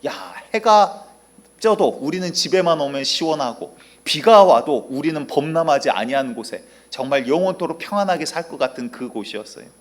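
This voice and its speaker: A man voicing a colony of small, excitable ants who cry out in alarm. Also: fairly quick, lightly acted. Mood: contented. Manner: exclaiming, high and loud. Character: small worker ants, excitable and easily panicked.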